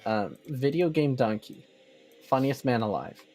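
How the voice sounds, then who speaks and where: A man's voice: medium pitch, expressive, a little slow, mellow. A man joking in a mock-earnest way in casual group talk. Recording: faint music behind the voice. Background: faint music.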